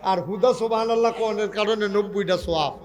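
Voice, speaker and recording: A high-pitched man preaches to a crowd, breaking into sing-song chanting. He keeps firing questions at his listeners and teases them between lines. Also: fairly quick, darkish tone. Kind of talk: humorous sermon to a crowd.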